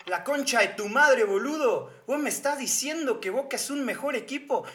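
A man's voice: very high-pitched, animated, normal speed, a bit bright, voice pushed up. A man putting on a put-on Argentine accent to play a hot-headed male football fan who rants and curses. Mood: furious. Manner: ranting, cursing, repeating himself.

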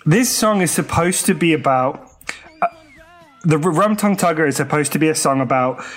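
Blunt, exasperated male co-host with a slightly raised pitch. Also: lively intonation, moderate pace, faint music behind. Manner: blunt, exasperated, swears casually. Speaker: podcast co-host. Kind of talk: casual film chat.

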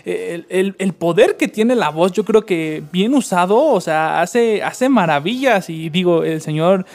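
A man, interviewing a guest in a relaxed, admiring way. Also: sits high, unhurried, gravelly. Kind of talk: casual interview chat.

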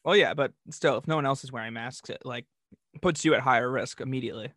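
A man's voice: mid-range voice, quick pace, a bit bright, dry recording, clean studio sound. A man co-hosting a podcast, bantering and telling stories casually with wry, self-deprecating humor. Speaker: podcast co-host. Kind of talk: casual comedic storytelling and banter.

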